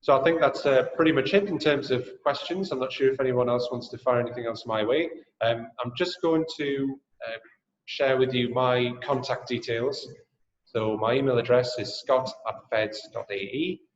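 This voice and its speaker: This is a Newcastle man with a Geordie accent who trains people in drone sales and is hosting a webinar. He presents and answers questions in a friendly sales pitch thick with ums and uhs, over echoey, dull audio.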